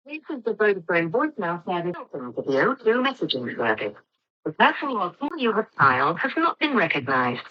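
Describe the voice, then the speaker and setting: Woman, recorded phone voicemail message, low voice, lively intonation, muffled line. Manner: formal, measured announcer delivery. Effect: recorded voicemail announcement over a phone line. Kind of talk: automated phone announcement.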